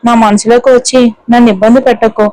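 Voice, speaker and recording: Woman reading gentle young dad soothing his baby, soft and flat. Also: a little high, quick pace, no room sound, close to an everyday voice, low-quality recording. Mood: regretful. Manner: soft, coaxing.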